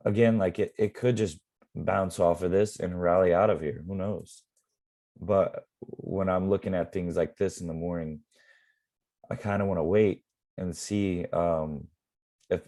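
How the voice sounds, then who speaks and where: A man explaining live trading in a relaxed, rambling way with many fillers, his voice going hoarse. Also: low-pitched, a little slow. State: losing his voice. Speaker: forex trading mentor.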